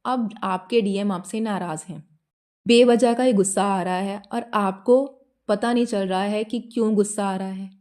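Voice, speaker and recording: A woman with a mellow, soft-edged voice gives a spiritual talk straight to her listener. She explains step by step, poses questions, and keeps checking in to make sure she is followed. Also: mid-range voice, steady tone, moderate pace. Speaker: spiritual guidance channel host.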